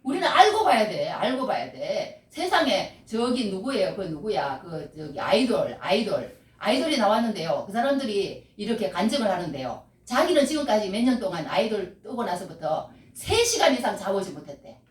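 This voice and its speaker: A middle-aged woman preaching a sermon, animated and repeating key phrases, often calling out hallelujah. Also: medium pitch, moderate pace, hardly any pauses. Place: church sanctuary. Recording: echoey room, voice from far off mic. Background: congregation responding.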